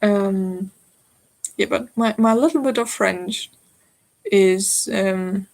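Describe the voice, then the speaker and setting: A woman's voice: mid-range voice, slow, vocal fry, darkish tone, rough recording. A young woman in her twenties with a German accent, chatting casually and giggling as she hosts a live crafting stream from home. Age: 20s. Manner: chatty, giggly, answers chat comments. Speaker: crafting livestream host.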